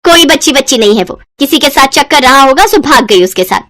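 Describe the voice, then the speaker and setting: A woman voicing a harsh, bossy elder sister-in-law in a cartoon story, who scolds and shouts. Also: high voice, lively intonation, a little fast, no room sound, clean studio sound, voice pushed up. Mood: scolding.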